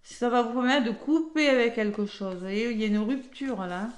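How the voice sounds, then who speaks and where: Chatty French tarot reader, echoey room. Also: female voice, a little high, normal speed. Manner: chatty, filler-heavy, frequent "hein". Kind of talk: weekly tarot reading.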